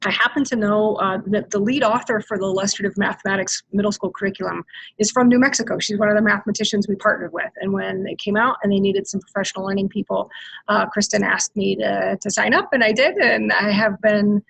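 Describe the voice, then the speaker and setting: A woman's voice: mid-range voice, steady tone, fast, gravelly, a bit bright, husky, no echo, rough recording. A woman leading an online workshop for math teachers over a video call, upbeat and chatty, with many fillers. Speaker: math professional learning facilitator.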